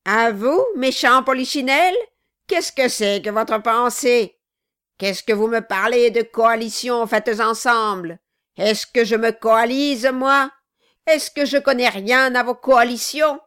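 A woman voicing a violent, mocking male dwarf who shouts harsh, taunting questions in an audiobook. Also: on the high side, a little slow, clear, resonant tone, pitched above the performer's own voice. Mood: menacing.

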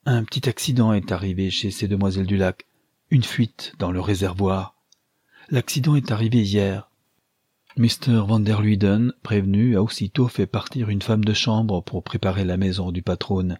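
A man's voice: on the low side, steady tone, moderate pace, darkish tone, husky, no echo, studio quality. A man voicing a grave, deferential male servant who speaks formally and apologetically in an audiobook. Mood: apologetic.

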